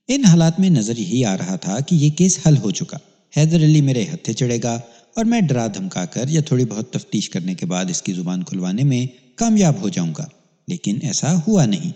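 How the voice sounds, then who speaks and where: Expressive male crime-story narrator. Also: medium pitch. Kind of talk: dramatic first-person crime narration. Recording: long hall reverb.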